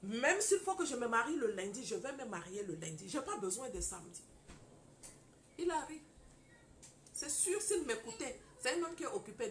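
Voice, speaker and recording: A woman teaching on marriage, mixing personal testimony with fervent preaching. She moves from quiet storytelling to loud declarations and addresses her listeners directly, scolding and urging them. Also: on the high side. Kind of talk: testimony-style preaching to an audience.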